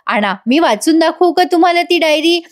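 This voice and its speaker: A woman doing a gushing, high young caregiver. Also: animated, fairly quick. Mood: gentle.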